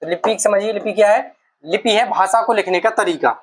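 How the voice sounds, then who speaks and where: In a rough recording, a woman with a medium-pitched voice and moderate pace patiently goes over each Hindi letter for exam preparation. She repeats the sounds and puts questions to the class.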